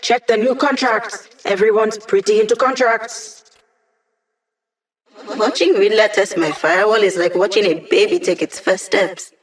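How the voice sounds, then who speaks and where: A woman voices a young hacker from a video game, playful and wry. She talks in casual, teasing banter, like tech support for a crew of villains, at ease with the jargon and quick to needle her teammates. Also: medium pitch, fairly even intonation, natural voice, rough recording. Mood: brisk, upbeat. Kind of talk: video game character dialogue.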